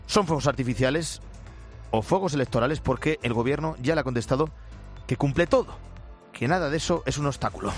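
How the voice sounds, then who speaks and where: A man's voice: medium pitch, a little fast, faint music behind. A man presenting radio news with an emphatic, punchy delivery and pointed asides. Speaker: news anchor.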